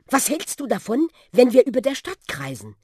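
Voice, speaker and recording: A curious, good-natured young boy from a storybook, as a woman reader puts him on. He asks eager questions in a higher, lively voice with a slightly breathy tone. The sound is close and dry. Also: normal speed, no room sound, exaggerated voice.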